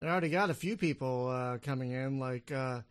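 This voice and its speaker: A man's voice: medium pitch, a little fast, no echo. A man hosting a casual podcast interview, chatty and upbeat, often restarting his sentences. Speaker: podcast host.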